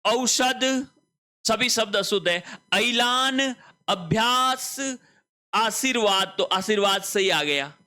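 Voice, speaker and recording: A man's voice: high-pitched, slow, sharp tone, smooth. A man teaching a Hindi spelling lesson for exam preparation, walking through each option step by step and asking rhetorical questions, with a Rajasthani accent.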